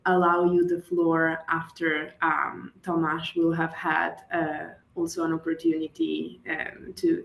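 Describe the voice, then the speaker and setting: A woman's voice: lowish voice, gravelly, slight background noise. A woman moderating a webinar panel, handing the floor to speakers in a polite, procedural way. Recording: roomy, dull lo-fi call audio.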